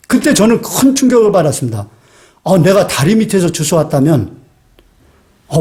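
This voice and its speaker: High-voiced male pastor preaching earnestly. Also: dark tone. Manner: earnest storytelling with many hesitant fillers. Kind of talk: sermon.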